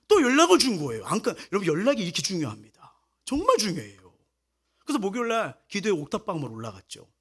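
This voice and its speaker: A man delivers a sermon as pastor, his voice pitched high for a man and swinging widely up and down. He tells a personal story with animation and acts out the lines of the people in it. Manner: animated storytelling, acting out quoted speech.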